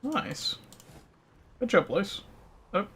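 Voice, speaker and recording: Slightly high-voiced guy streaming a game, chatty, lots of ums and likes. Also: very animated, drawn-out words, fairly bright tone, slight background noise. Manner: chatty, lots of um and like, answering chat. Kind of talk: casual gameplay commentary.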